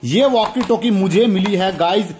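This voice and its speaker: This Indian host of a toy review channel has a voice that sits high with a darkish tone, speaking at a normal pace through a little hiss or hum. He excitedly presents toys in an unboxing, repeatedly addressing his audience.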